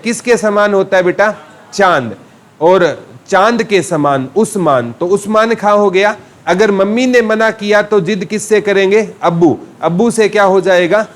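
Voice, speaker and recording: A man teaching a general knowledge class with a Haryanvi accent, asking questions and answering them himself. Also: sits high. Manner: asks questions and answers them himself, calling listeners "beta". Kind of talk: classroom lecture with memory tricks.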